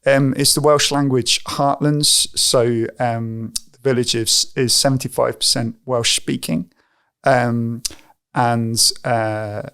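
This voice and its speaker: In a conversational interview, an English-speaking pastor responds thoughtfully but haltingly, often using fillers and starting over. He speaks slowly in a steady, mid-range voice with a bit of brightness and a clean tone.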